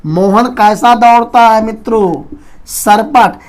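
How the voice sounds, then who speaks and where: A man teaching an online exam-prep Hindi lesson, talking very fast and loudly and often calling the viewers his friends. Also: high-pitched. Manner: fast, rapid-fire delivery; loud, near-shouting teaching.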